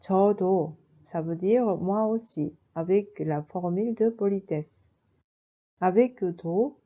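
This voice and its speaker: A woman's voice: medium pitch, warm tone, highs cut off. A woman explaining a language lesson in a careful, scripted narration, going through examples one by one. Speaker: language teacher.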